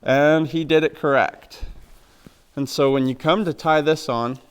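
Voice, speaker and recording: A man, a horse trainer, calmly explaining knots step by step in a plain, practical way. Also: on the high side, unhurried, clear, resonant tone. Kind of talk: instructional demonstration.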